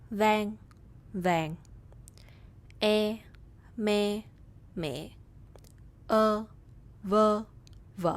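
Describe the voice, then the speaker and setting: Woman, Southern Vietnamese accent, pronunciation teacher, unhurried, deliberate. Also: medium pitch. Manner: slow, careful, reads sounds out one by one. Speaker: language teacher. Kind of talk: scripted pronunciation lesson.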